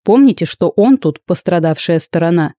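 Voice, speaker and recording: A woman's voice: fairly low pitch, lively intonation, normal speed, warm tone, dry recording, clean studio sound, natural voice. A woman voicing a sleepy, stern male academy rector who lectures in formal, admonishing tones. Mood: tired.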